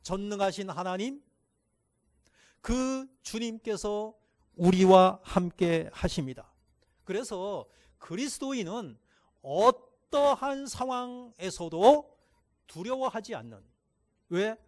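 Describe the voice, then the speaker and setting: A man preaching a sermon as pastor, reading scripture aloud with slow emphasis and leading the congregation in reading together, with quiet asides between passages. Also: sits high, animated.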